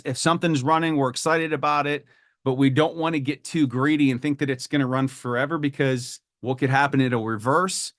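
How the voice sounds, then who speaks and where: A man hosting a trading podcast, talking casually and with energy, often jumping into a higher voice to act out panicked or eager traders. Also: dry recording, clean studio sound. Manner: animated, acts out panicky traders in a raised voice. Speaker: podcast host.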